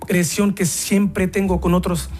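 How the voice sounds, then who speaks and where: A Portuguese man with a Portuguese accent, a musician guest speaking in a radio interview, often pausing to search for words. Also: sits high, flat delivery, darkish tone, faint music behind.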